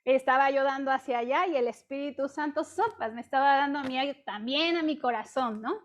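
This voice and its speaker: A middle-aged woman with a Mexican accent giving a conversational testimony sermon to a women's group, speaking over a video call and constantly checking in with her listeners through quick rhetorical questions. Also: high voice. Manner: chatty, peppers talk with rhetorical questions; acts out her own past complaints in dialogue.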